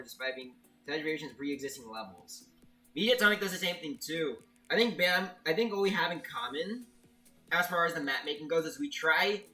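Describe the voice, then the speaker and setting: A man's voice: a little high, pushed and bright, recorded from a distance. A man streaming a game and chatting with his viewers, who stammers and restarts his sentences often. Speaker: streamer, level maker. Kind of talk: casual live-stream chat, reading viewer chat.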